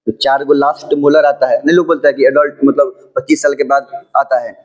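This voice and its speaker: A man teaching a school biology lesson in a casual lecture style, asking rhetorical questions and repeating points, with English textbook lines read slowly. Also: mid-range voice, little pitch movement, rough recording. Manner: explains with rhetorical questions and repetitions. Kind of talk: informal classroom lecture.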